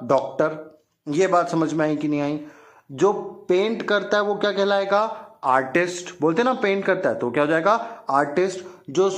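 A man teaching young children English words, repeating each one and asking it back as a question, and reading English lines slowly. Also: high voice. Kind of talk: classroom vocabulary lesson for children.

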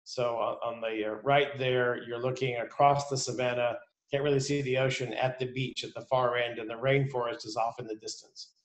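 A middle-aged man walks through an explanation on a video call, restarting phrases and filling gaps with uhs. His voice is at an average pitch for a man. The room around him rings with echo. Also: fairly even intonation, normal speed. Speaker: panelist. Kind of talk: casual panel discussion.

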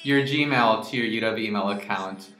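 A man's voice: fairly low pitch, moderate pace, faint music behind. A young man student jokes playfully alongside a friend into a laptop webcam. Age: young adult. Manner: lively, joking. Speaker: college student. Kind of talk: playful joint video. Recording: echoey room.

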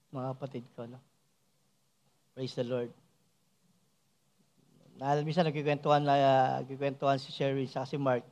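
A man, a church elder, preaching a sermon with frequent rhetorical asides, moving between soft asides and raised, emphatic passages. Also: medium pitch.

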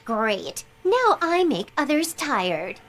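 Neptune, squeaky bubbly anime game girl. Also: very animated, slow pace, fairly bright tone, exaggerated voice. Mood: relieved, cheeky. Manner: exclamatory, playful, dramatic. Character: bubbly, scatterbrained, cheeky young anime girl heroine. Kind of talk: English video game voice acting.

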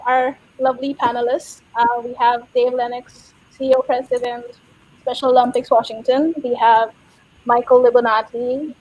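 High-voiced woman moderator, dull audio. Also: no room sound. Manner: friendly and appreciative, with fillers. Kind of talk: closing remarks of a panel.

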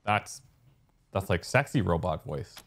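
A man's voice: low voice, animated, unhurried, creaky. Chatty man narrating his gameplay. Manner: chatty and musing, thinks aloud with fillers. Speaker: let's play host. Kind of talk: casual gameplay commentary.

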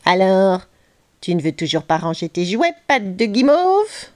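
A woman voicing a mischievous, greedy female candy witch in a storybook reading, with theatrical swings from low mockery to shrill cries. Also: sing-song, unhurried. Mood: mocking.

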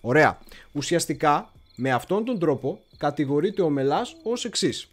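A man's voice: fairly high pitch, expressive, soft background music. A man hosting a casual history livestream, chatty and digressive, often stopping to search for words. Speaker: history channel host.

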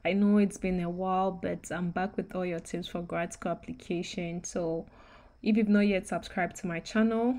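A young woman giving grad school tips in a relaxed, sleepy late-night voice with frequent ums. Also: lowish voice. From Ghana. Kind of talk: casual tutorial talk.

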